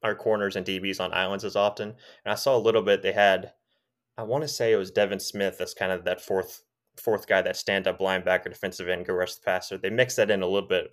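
A man's voice: low-pitched, a bit bright. A man co-hosting a casual sports podcast, talking earnestly and circling back to repeat his points. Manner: earnest, repeats himself, frequent yeahs. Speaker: podcast co-host.

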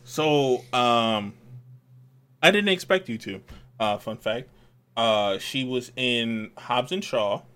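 A man co-hosting a casual podcast, talking in a relaxed, drawn-out way with many pauses. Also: mid-range voice, clean tone. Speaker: podcast co-host. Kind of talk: casual chat.

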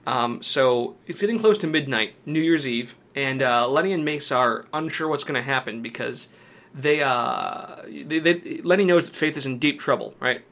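A man's voice: mid-range voice, moderate pace, fairly bright tone. A man co-hosting a podcast, casually recapping a film's plot with plenty of fillers. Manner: recaps the plot, with lots of fillers and frequent laughs. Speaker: podcast co-host. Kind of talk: casual film discussion.

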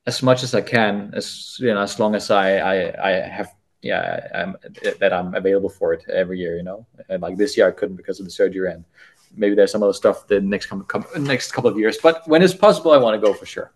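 Halting, low-voiced male podcast guest. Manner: halting, repeats words often while telling a story. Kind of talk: casual storytelling interview.

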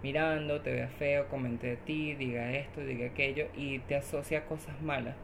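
A woman's voice: extremely low pitch, steady tone, normal speed, gravelly, noisy background. A woman guest on a podcast, speaking emphatically and often agreeing with the host, stacking up repeated phrases. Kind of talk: casual podcast conversation.

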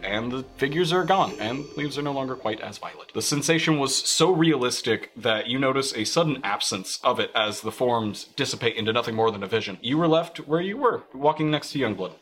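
A man serves as game master for a tabletop game and describes each scene in an easygoing, loosely worded voice. His pitch sits in the middle range, and a faint guitar plays softly behind him. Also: animated, brisk, few pauses. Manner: casual, loose narration with many "like" fillers.

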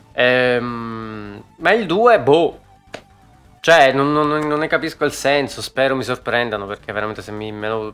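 Male host, lively off-the-cuff stream chat, salty language, music low underneath. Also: clear, resonant tone. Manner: animated, swears freely, frequent fillers. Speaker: talk show host. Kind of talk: casual live-stream chat.

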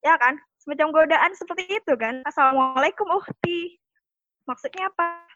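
A woman's voice: high-pitched, brisk, a bit bright, highs cut off, soft background music. A woman panelist explaining her point by citing an expert, with polite apologies. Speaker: discussion panelist. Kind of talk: explanatory discussion.

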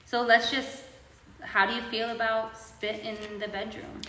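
A woman's voice: on the high side, level tone, unhurried, bright, forceful tone. A woman hosting a podcast in upbeat casual chat, steering the talk with questions. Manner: upbeat, chatty, prompts others. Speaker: podcast host. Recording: echoey room with long reverb.

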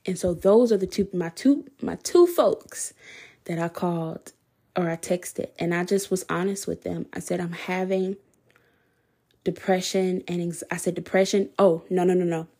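A woman's voice: fairly low pitch, normal speed, warm tone. A woman hosting a podcast, candidly telling her personal faith testimony in a conversational, preacherly way. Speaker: podcast host.

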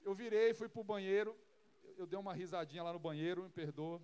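A man's voice: high voice, level tone, brisk, smooth. A man, preaching a sermon with personal stories and rising emphasis. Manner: preaching, rising from soft storytelling to loud emphatic calls. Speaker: pastor.

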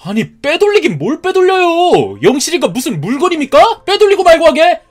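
Sitting high with a sing-song lilt at normal speed, a man in his thirties voices a young groom-to-be in a cartoon story. The character sounds pleading, polite but stubborn, firing back defiant retorts.

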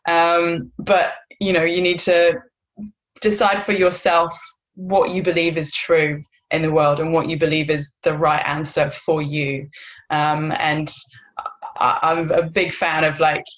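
A woman's voice: deep voice, flat delivery, a little slow. Chatty woman on a dull call line. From North Wales. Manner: chatty, many fillers, laughs easily. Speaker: guest. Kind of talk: casual interview answers.

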